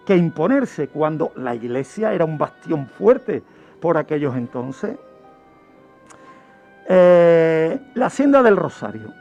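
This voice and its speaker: Lo-fi audio captures a high male voice with vocal fry and a slightly mellow quality. He's a guest criminologist doing a true-crime radio segment, laying out the history didactically through questions he then answers.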